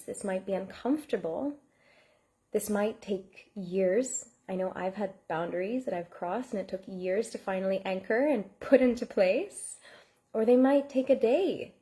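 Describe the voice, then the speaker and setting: A woman coach leads a live online masterclass in an earnest, heartfelt way, greeting viewers by name as they comment. Her voice is mellow and warm, pitched at an ordinary middle height.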